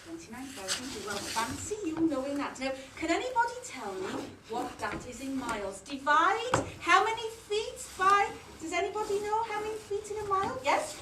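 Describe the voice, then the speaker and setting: An actress with a Welsh accent playing a fussy, doting schoolteacher who gushes in a sing-song way. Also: female voice, very high voice, very animated, normal speed, few pauses. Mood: coaxing. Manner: sing-song, gushing "that's lovely". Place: theatre stage, dress rehearsal. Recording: roomy stage, far from mic, noisy.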